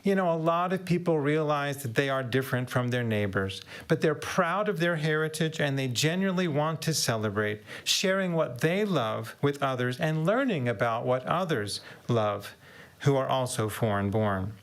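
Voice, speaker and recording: An older man reading a prepared statement, steady and measured, as a public commenter at a county hearing. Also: medium pitch.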